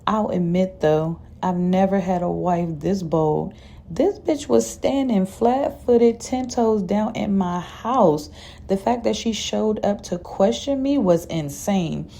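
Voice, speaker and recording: A woman's voice: medium pitch, slow, gravelly, warm tone. A woman narrating a dramatic first-person story in a casual, profane way.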